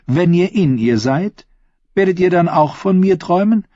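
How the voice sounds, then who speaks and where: A man's voice: fairly high pitch, sing-song, a little slow, a little mellow, slightly rough, dry recording, voice pushed up, exaggerated voice. A man reading an audiobook and voicing a scheming, seductive queen in a silky, coaxing tone. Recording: slightly dull, dry recording.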